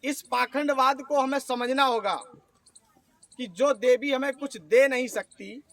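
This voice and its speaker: A man's voice: extremely high pitch, fairly even intonation, a little slow, a bit bright, no room sound. A man giving an earnest public speech at an organization's meeting and telling folksy stories to the audience. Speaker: speaker at an organization's review meeting.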